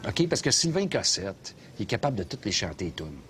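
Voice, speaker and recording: An actor with a Québécois accent playing a loud, opinionated middle-aged taxi driver who rants and mocks sarcastically, in a comedy sketch filmed inside a cab. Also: male voice, lowish voice, big pitch swings, fairly quick, slight background noise. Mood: ranting. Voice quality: sarcastic ranting, mocking.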